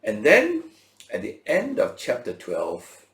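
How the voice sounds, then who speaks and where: His mid-range voice, a bit bright, swings hugely in pitch and moves slowly. He's giving an informal, conversational Bible lesson in a reverberant room, posing rhetorical questions, checking in with listeners, and acting out imagined dialogue in everyday language.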